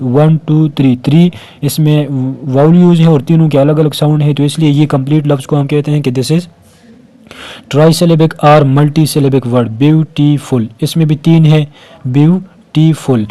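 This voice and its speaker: A man's voice: on the high side, dark tone. A male teacher giving a recorded grammar lecture, explaining step by step and repeating words while counting their syllables, with frequent "uh" fillers and English terms mixed in. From Pakistan.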